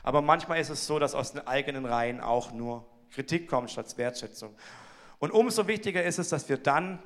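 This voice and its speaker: A man in his forties preaching a sermon, telling a story in an animated way, correcting himself and laughing at his slips. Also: medium pitch, fairly quick. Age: 40s.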